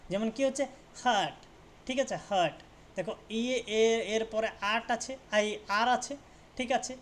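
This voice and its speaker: A teacher walks through pronunciation rules one at a time, repeating each example word several times and checking in after nearly every point. The pitch sits in a middle range, and a faint hiss runs under the recording. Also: a bit bright. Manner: repetitive, checks understanding with frequent questions; self-correcting, pauses to fix mistakes. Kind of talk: classroom lesson explaining spelling rules.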